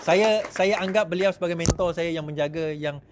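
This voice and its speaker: A middle-aged man with a Malaysian accent, giving an animated speech to supporters, mimicking others in quick asides and laughing often. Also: on the high side, heavy background noise. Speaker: politician speaking to supporters.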